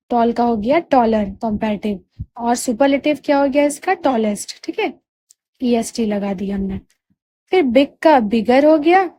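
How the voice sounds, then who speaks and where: A woman gives a grammar lesson in a high, mellow voice. She patiently checks in with her listeners and stretches out key words slowly so they can be heard clearly. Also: a little hiss or hum. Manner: patient, repeats "ठीक है" and "है ना" to check understanding; drawls key words slowly to spell them out. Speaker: English grammar teacher. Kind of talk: explanatory lesson.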